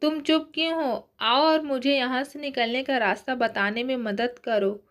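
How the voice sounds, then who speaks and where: A woman's voice: high-pitched, fairly even intonation, normal speed. Woman reading as a tearful young heroine, former kickboxing champ. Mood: brisk. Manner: soft, plaintive, sniffling.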